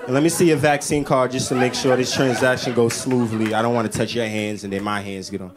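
A man's voice: medium pitch, steady tone, quick pace, crowd noise, natural voice. A man doing a stingy, suspicious gum owner. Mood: bossy.

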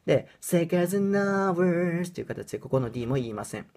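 A man's voice: mid-range voice, fairly even intonation, rapid-fire, gravelly, mellow, breathy edge. A young man from Japan giving a casual pronunciation lesson, chatty and self-deprecating, breaking into bits of song. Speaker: English pronunciation teacher.

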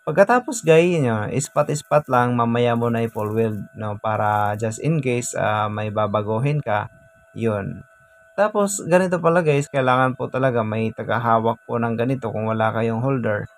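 A man's voice: mid-range voice, moderate pace. A man casually explaining a welding job outdoors, chatty and full of fillers. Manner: chatty, repeats "guys" and fillers while working. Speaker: DIY welding vlogger.

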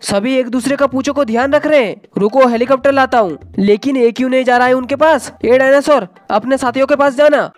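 A man's voice: very high-pitched, brisk, hardly any pauses. A young man giving playful, dramatic comic gameplay commentary, bantering with his own characters. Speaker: gaming channel host. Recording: faint game music behind.

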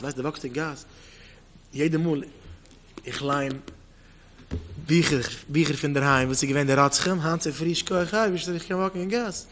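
A man preaching with pointed questions. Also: high voice. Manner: repeats pointed rhetorical questions, mixes in English words. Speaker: rabbi giving a Torah talk.

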